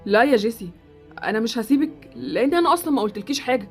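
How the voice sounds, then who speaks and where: A woman's voice: a little high, animated, very fast, breathy edge, faint music behind. A woman with an Egyptian accent voicing Sultan, a blunt, awkward boy in a Roblox roleplay series. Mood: brusque.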